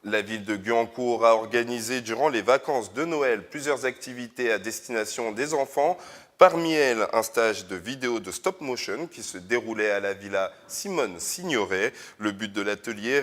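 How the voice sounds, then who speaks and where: A man presenting and narrating local television news reports in a measured, scripted way. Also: mid-range voice, animated, fairly bright tone, no echo.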